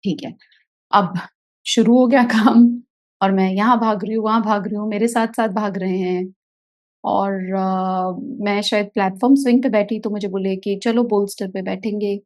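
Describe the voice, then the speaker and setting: Mellow-voiced woman therapist telling a story. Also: medium pitch, normal speed. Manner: animated storyteller who acts out scenes. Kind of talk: casual video talk, telling a story from a workshop.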